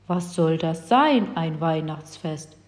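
A woman's voice: low voice, lively intonation, darkish tone. A woman doing a grumbling frost giant. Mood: grumbling puzzled. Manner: slow, grumbling speech. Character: huge gruff male frost giant, slow-witted. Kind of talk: children's story reading. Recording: long hall reverb.

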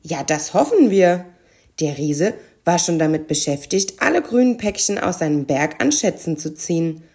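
A woman narrating a children's story in a calm, even storytelling manner. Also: sits low, moderate pace.

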